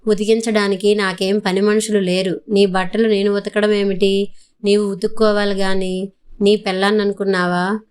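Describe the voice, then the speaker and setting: A woman voicing a sharp-tongued, quarrelsome young woman in a storybook reading, with a smooth, fairly flat voice. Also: mid-range voice, normal speed, close to an everyday voice. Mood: scornful. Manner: scornful, quarrelsome.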